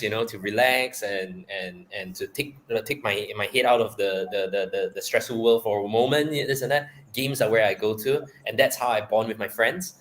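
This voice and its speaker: A man answering interview questions in a halting way, often repeating words as he gathers his thoughts. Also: lowish voice. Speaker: interview guest.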